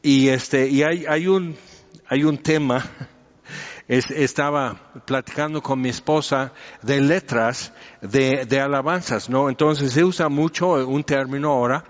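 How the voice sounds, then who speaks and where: A man preaching in a relaxed, conversational way, working through his point with homely examples. His voice sits at an ordinary middle pitch. The recording is dull and carries a long echo from a church hall. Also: measured pace. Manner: explanatory, uses homely examples and many fillers. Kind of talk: conversational sermon.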